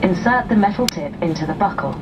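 Female flight safety demo announcer, formal, lowish voice, heard over loud aircraft noise. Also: expressive, lo-fi sound. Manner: formal, measured reading. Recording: distant cabin speaker, loud aircraft noise. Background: loud aircraft cabin noise.

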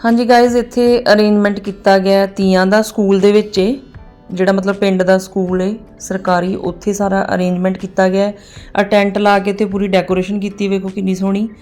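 A woman, vlogging casually and chatting in a lively, teasing way. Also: medium pitch, fairly quick, faint music behind. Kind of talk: casual vlog chat. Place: car, then outdoors at a village festival.

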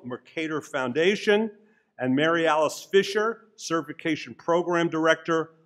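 A man's voice: on the high side, a bit bright. A man moderating a panel from a podium mic in a conference room, joking and rambling with uhs as he introduces the speakers. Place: conference room on Capitol Hill. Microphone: podium microphone.

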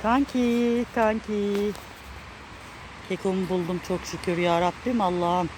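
A woman's voice: mid-range voice, fairly even intonation, measured pace. A woman walking through her neighborhood and filming on a handheld phone, fondly coaxing and scolding her pet cat to follow her. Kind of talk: casual walking vlog. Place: outdoors on neighborhood streets. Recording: noisy outdoor street recording.

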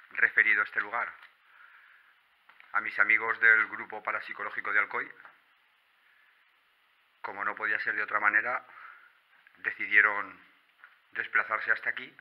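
A man from Spain, with a Spanish accent, talks in a lowish voice. He narrates a night exploration vlog on foot, hushed and halting, repeating words as he goes. The recording is muffled and dull. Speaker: urban exploration vlogger. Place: on foot at night among abandoned rural buildings and woods.

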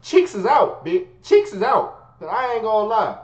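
A man telling a story in casual, profane street slang, swinging from low mutters to high yelps. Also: very animated, normal speed. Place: his bedroom. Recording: roomy, dull lo-fi sound.

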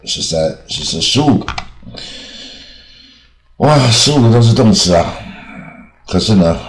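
A man teaching English over slides in Taiwanese-accented Mandarin, unhurried, with many drawn-out filler sounds. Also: rumbling low. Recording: echoey room.

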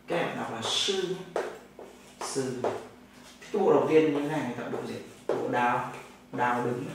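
A man from Vietnam with a Northern Vietnamese accent, teaching a classroom language lesson, explaining step by step and answering his own questions. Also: medium pitch. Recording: very echoey room, mic far off, noisy.

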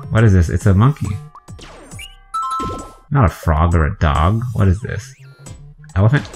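A man with a deep, low voice gives chatty let's-play commentary, talking to himself as he guesses his way through a video game. Faint game music runs underneath.

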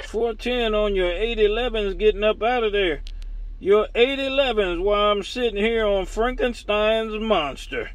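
High-voiced man in folksy CB chat. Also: normal speed, slight background noise. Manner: slangy, folksy, teasing banter. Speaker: CB radio operator. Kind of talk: casual CB radio chat.

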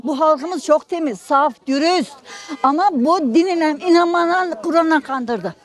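Casting: woman, late 60s, high voice, toothless slurred diction, off-the-cuff street interviewee. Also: unhurried. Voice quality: toothless, mushy articulation. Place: busy outdoor street market. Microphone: handheld reporter microphone held close.

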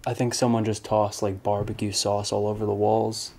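Flat-voiced man exploring quietly. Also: lowish voice, moderate pace. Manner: quiet, flat, offhand remarks. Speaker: urban explorer filming a walkthrough. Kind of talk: casual exploring commentary. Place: inside an abandoned speedway building.

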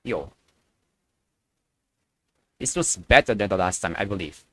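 A man's voice: low-pitched, animated, measured pace, no room sound. A young man giving casual reaction commentary as a video host.

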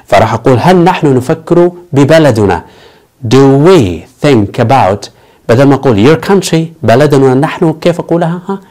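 Brief: male language teacher, upbeat step-by-step explainer, mid pitch. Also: expressive, moderate pace, darkish tone. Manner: explains step by step, switching between Arabic and English; upbeat, repeats a catchphrase. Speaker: English teacher. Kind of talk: online language lesson.

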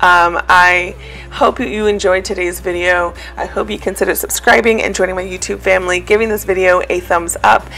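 A woman's voice: lowish voice, steady tone, normal speed, a bit bright, soft background music. A woman talking casually in a voice-over for her cleaning vlog, rambling with many fillers. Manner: chatty, rambling with many ums. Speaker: cleaning vlogger.

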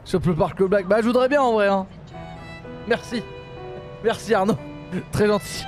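Faint music plays behind a high-pitched man speaking at normal speed as he streams a bus simulator live. He gets fed up and curses, lurching between muttering and outbursts, and he laughs at himself along the way.

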